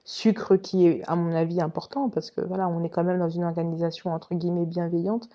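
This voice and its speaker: A woman's voice: fairly low pitch, little pitch movement, fairly quick, warm tone, lo-fi sound. A woman casually telling a personal story to her viewers, chatty and direct. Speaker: vlogger recounting her past.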